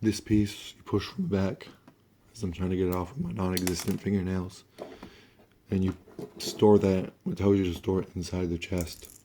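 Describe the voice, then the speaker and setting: A man with a low, monotone voice, sounding sick as he walks through a toy review. His delivery is casual, halting and offhand. A light layer of noise sits behind him. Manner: offhand, halting, mildly sweary. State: sick, under-the-weather voice.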